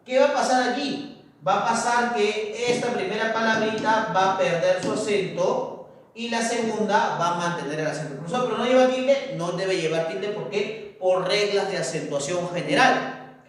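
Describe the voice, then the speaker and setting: High-voiced teacher in an echoey room. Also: male voice, fairly bright tone. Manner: checks understanding with constant tag questions; repeats key words slowly for emphasis. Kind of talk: classroom grammar lecture. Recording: very echoey room, distant mic.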